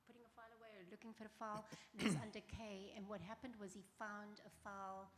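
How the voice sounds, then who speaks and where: A woman's voice: mid-range voice, level tone, fast, crowd noise. A woman moderating a live panel discussion at a festival, chatty and loose, laughing as she talks. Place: festival venue before an audience. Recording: roomy hall with long reverb, faint ambience.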